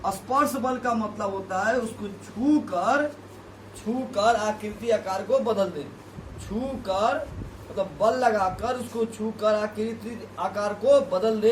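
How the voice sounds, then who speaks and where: Guy teaching physics to a class, keeps repeating stuff and asking questions, high voice, sounds kinda far off. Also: a little hiss or hum. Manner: repeats key terms, asks students questions. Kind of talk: classroom lesson. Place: classroom with students. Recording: echoey room, voice from a distance.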